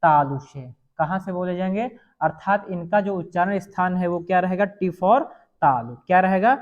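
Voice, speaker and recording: A high-pitched male teacher runs an exam-prep grammar lesson, sounding out letters one by one. He keeps asking the listener questions, then answering them himself. The recording is dull and lo-fi. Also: moderate pace. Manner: repeats sounds aloud and quizzes the listener.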